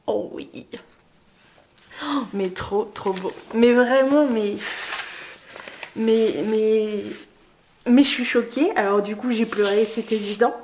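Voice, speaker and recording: A young woman vlogging casually, excitedly gushing over a book gift she unboxes. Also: fairly high pitch, slow, long pauses, slight background noise. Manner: gushing, excitable, many exclamations.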